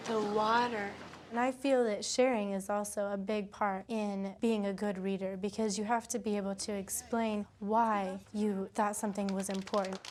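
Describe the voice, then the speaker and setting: Speaking at a medium pitch with a slightly mellow tone, a woman in her twenties who teaches afterschool explains her methods. She then leads a children's read-aloud, expressive and encouraging as she reads.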